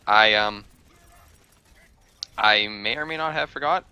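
A man doing excitable gameplay commentary, swearing freely and breaking into squealing laughs. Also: fairly low pitch, slow, clean tone, lo-fi sound. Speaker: gaming video creator.

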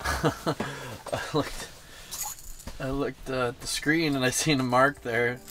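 A young man in a small ice fishing shelter, giving excited running commentary on each bite as he fishes. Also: mid-range voice, takes it slowly, background noise.

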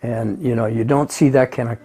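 A man, a record producer, telling studio anecdotes in a relaxed storytelling way. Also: mid-range voice, fairly quick. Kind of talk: interview anecdotes.

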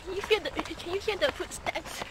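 Young female running vlogger, very high voice, breathless and excitable, loud outdoor noise on a handheld phone. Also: moderate pace. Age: young adult. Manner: short breathless phrases, excitable. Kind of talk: casual running vlog chat. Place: outdoors on a night race route. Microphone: phone at arm's length. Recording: noisy outdoor phone recording on the move. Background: clear outdoor ambient noise.

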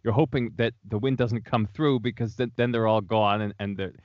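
A man hosting an interview, talking in a halting way with many repeated words and restarts. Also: on the low side, fairly even intonation, no echo, dull audio. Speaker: podcast host. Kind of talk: interview conversation. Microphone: remote video call.

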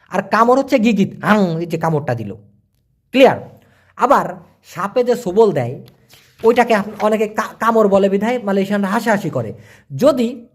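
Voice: medium pitch, darkish tone. A language teacher gives a patient spoken lesson. Each word is repeated several times and some are spelled out letter by letter. The teacher acts out small sounds and scenes to show what a word means. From Bangladesh. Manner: acts out sounds and little scenes to explain words.

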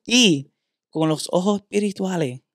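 A man's voice: high-pitched, lively intonation, unhurried, no room sound, studio quality. Man telling a candid story. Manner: candid storytelling, mixes in English words. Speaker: podcast host.

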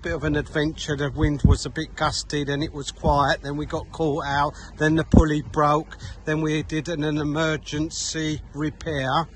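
A man's voice: fairly high pitch, level tone, normal speed, few pauses. A middle-aged man chatting as a vlog host from a small sailing boat at sea, jokey and self-mocking, filming himself on a phone at arm's length. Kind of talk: casual vlog chat. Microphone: phone camera at arm's length. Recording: wind and water noise.

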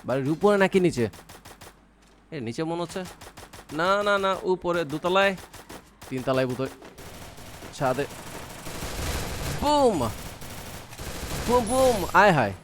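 A man's voice: a little high, expressive, a little slow, pauses often, a bit bright, a little hiss or hum. A young man giving casual, playful commentary while playing a mobile shooter, teasing his opponents and coaching his teammates. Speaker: mobile game streamer.

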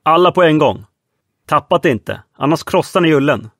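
A man's voice: mid-range voice, no echo, clean studio sound, close to an everyday voice. A man voicing a wounded sloop captain barking orders at his crew in an audiobook. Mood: urgent commanding. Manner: commanding, shouted orders.

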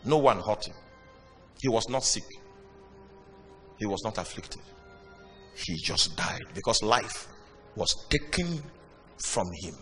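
A man preaching a sermon with dramatic pauses and sudden loud bursts. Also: on the low side, animated. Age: young adult or older. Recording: reverberant hall with music behind.

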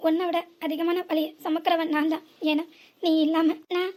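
A soft-spoken young cartoon husband, voiced by a woman, pleading gently with his wife. The voice sits very high for a man, held a few steps below the performer's own. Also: flat delivery, moderate pace. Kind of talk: cartoon voice acting.

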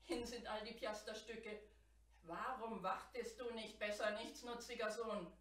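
A woman voicing a poor old fisherman who is desperate and quick to anger, speaking in a booming, lamenting way. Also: close to an everyday voice. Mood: despairing. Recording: roomy, distant mic.

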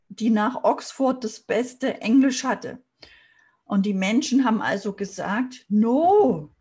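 A woman in her thirties from Saxony, Germany, works as a business coach and shares a personal story in an earnest motivational talk to camera on a video call, from a small indoor room. Her voice is a little high and a little mellow, with a breathy edge.

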